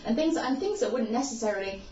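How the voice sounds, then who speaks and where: A woman's voice: on the high side, very animated, fast talker, mellow, a little hiss or hum. A woman co-hosting a casual product review chat, bubbly and enthusiastic. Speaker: co-host. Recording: roomy, dull sound from a distant mic.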